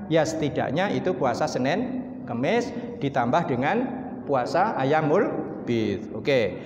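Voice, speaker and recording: Animated preacher with Javanese accent, hall echo. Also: male voice, measured pace. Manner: animated, acts out speakers in dialogue, swings from low murmurs to loud exclamations. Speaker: Islamic preacher. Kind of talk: mosque study sermon. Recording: dull, roomy hall recording with faint noise.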